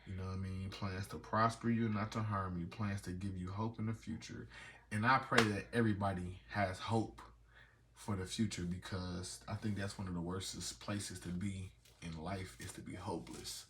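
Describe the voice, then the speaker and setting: A man's voice: low-pitched, fairly even intonation, normal speed, background noise. A man in his thirties talking loosely off the cuff in a casual vlog, reading devotional passages aloud. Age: 30s. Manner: loose and rambling, reads scripture aloud. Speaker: vlogger.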